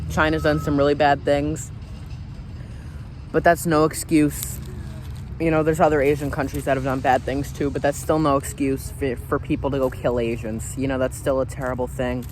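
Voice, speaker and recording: Higher-voiced American man, noisy casual vlog. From United States. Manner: informal, repetitive, frequent "you know". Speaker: vlogger. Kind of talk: casual opinion monologue to camera.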